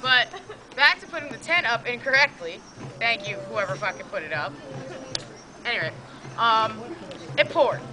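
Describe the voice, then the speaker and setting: A woman with a hoarse voice telling a rambling, profane camping story to friends, acting out the people she quotes. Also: on the high side, expressive, moderate pace, pauses often, background noise. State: hoarse, says she has no voice. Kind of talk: casual storytelling among friends. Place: outdoors at a campsite.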